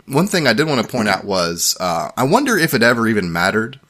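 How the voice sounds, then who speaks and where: Male podcast host, low voice, chatty and self-deprecating, casual chat. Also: sing-song, a little fast, pushed and bright.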